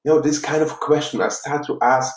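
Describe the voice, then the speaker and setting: A man's voice: medium pitch, a little fast, far from the mic. A man with a Czech accent, a life coach giving an earnest, motivational workshop talk with non-native phrasing. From Czech Republic. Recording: echoey room, speaker away from mic.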